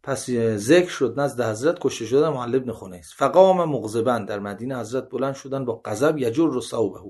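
A man giving a seminary lesson, reading Arabic narrations aloud and explaining each in conversational Persian, with sudden rises in pitch when he quotes. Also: breathy edge. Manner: reads Arabic passages then paraphrases in colloquial Persian; animated, with sharp rises in pitch when quoting. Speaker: religious teacher.

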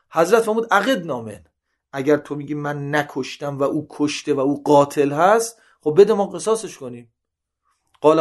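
Man teaching religious texts, animated delivery. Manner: reads Arabic passages then paraphrases in colloquial Persian; animated, with sharp rises in pitch when quoting. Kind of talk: seminary lecture reading and explaining hadith.

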